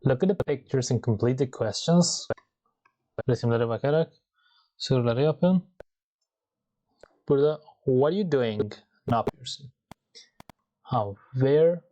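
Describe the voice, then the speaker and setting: A man's voice: medium pitch, expressive, unhurried, long pauses, warm tone, poor audio. A man teaching English grammar, explaining each exercise step by step. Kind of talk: bilingual grammar lesson.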